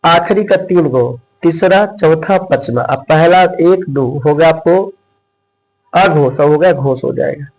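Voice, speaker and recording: A man's voice: a little high, unhurried, darkish tone, low-quality recording. A young man teaching Hindi grammar in a coaching-class lecture. He repeats each point, quizzes his students and keeps calling them his dear brothers.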